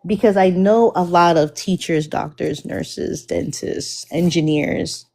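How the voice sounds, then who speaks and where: A woman's voice: on the low side, slow, vocal fry, darkish tone. A Dominican woman speaks on a panel, calling others babe and insisting on finishing her point. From Dominican Republic. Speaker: panel guest. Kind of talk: casual panel discussion.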